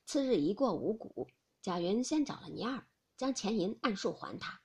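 Expressive woman narrating a classic novel. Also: mid-range voice, moderate pace, vocal fry, slightly rough. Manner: expressive storytelling. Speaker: audiobook narrator.

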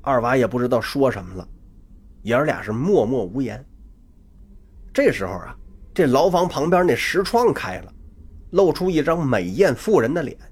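A man telling a traditional Chinese story, dramatic and animated, with vocal sound effects. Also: medium pitch, normal speed, long pauses, slightly rough.

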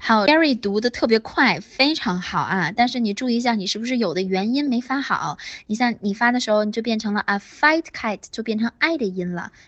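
A woman's voice: on the high side, animated, no room sound, dull audio. Woman teacher drawing out vowel sounds. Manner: drawn-out vowel demonstrations, repeats words slowly; encouraging praise. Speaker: English pronunciation teacher. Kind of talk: online class instruction.

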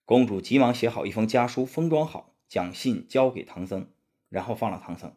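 A man narrating a children's story in an animated, expressive way. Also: mid-range voice, normal speed.

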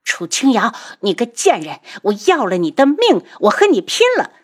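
A woman voicing a spoiled, arrogant young noblewoman who screeches loudly and indignantly in an audiobook. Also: mid-range voice, sing-song, normal speed, voice pushed up. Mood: screaming.

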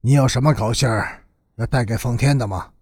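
A man reading a storybook voicing a grave male messenger who speaks in a measured, formal way. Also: mid-range voice, slightly rough, no room sound, clean studio sound, pitched below the performer's own voice, close to an everyday voice.

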